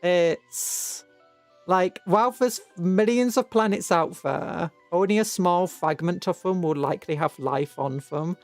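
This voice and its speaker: Over background music, a British VTuber livestreamer talks loosely with their audience, wandering between thoughts and frequently backtracking to fix what they said. The voice is medium in pitch, slightly slow, and dry, with no room sound.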